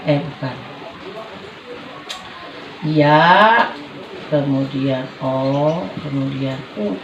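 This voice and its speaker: A woman's voice: a bass voice, fairly even intonation, extremely slow, distant mic, highs cut off. A woman teaching a class, patiently quizzing her listeners with questions. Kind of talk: classroom explanation. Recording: echoey room with background noise.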